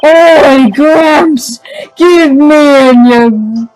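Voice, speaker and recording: A woman voicing a cocky, rough working-class man with a drawling way of talking. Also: sits high, extremely slow, noisy background. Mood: brash.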